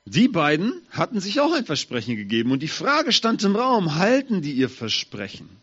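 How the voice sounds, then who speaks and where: A man giving a children's sermon in a slightly husky voice, asking his listeners direct questions. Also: on the high side, wildly swooping pitch, normal speed, fairly bright tone, lo-fi sound. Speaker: preacher for children.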